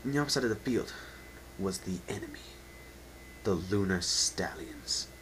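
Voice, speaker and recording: Expressive and moderately paced, a fairly low-voiced man narrates a story dramatically, his theatrical, emphatic delivery left unpolished and unedited. His tone is fairly bright, and the amateur home recording has poor audio and faint background noise.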